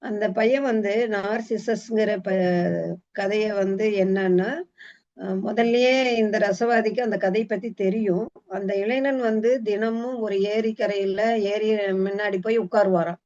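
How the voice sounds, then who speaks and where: A woman retells a book's story as though presenting to a class, casual and hesitant, full of fillers and restarts. Her medium-pitched voice is warm and steady, moving a little slowly, captured on a dull lo-fi recording.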